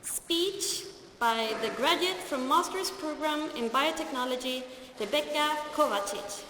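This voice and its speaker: A woman's voice: high voice, unhurried, pushed and bright, a little hiss or hum. A woman presenting a university graduation ceremony, formally introducing the next speaker. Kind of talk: formal announcing. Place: large hall. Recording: echoey hall with faint ambience.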